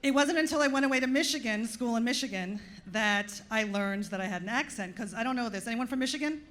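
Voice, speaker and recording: Speaking fast in a fairly high, slightly bright voice, a woman with a Long Island accent does stand-up at a club. She hails from Long Island, New York, and her punchlines are dry and self-deprecating, aimed at the audience in front of her.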